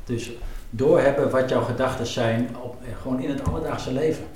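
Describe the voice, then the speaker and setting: A man's voice: medium pitch, steady tone, a little fast, a little mellow, a little hiss or hum. A man, a former club executive, speaking reflectively and hesitantly in a conversation with many fillers. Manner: thoughtful, hesitant, full of fillers and self-questions. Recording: roomy with faint ambience.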